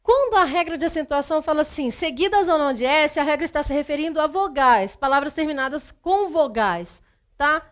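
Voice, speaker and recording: A woman's voice: sits high, lively intonation, brisk. A woman teacher giving an exam-prep grammar lesson. She goes through the rules step by step, repeats them and often checks in with the listener. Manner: speaks straight to the student.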